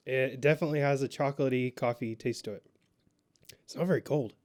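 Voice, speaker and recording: A man co-hosting a laid-back podcast, talking in a plain, easygoing way. He hesitates often and fills pauses with ums and uhs. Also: mid-range voice, darkish tone. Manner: hesitant, lots of ums while reading. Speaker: podcast co-host. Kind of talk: casual podcast chat.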